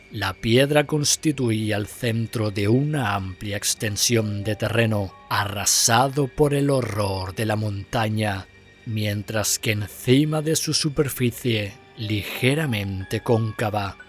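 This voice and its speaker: A man narrates a horror tale with a grave, measured delivery and a fairly low voice. He takes his time over every phrase. Faint music runs quietly behind him. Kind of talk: scripted horror story narration.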